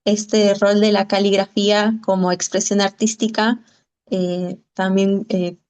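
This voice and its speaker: A woman's voice: mid-range voice, little pitch movement, unhurried, a little mellow, clear, resonant tone. A woman from Argentina moderating a Q&A on a video call, asking long questions full of fillers. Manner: filler-heavy, searching for words.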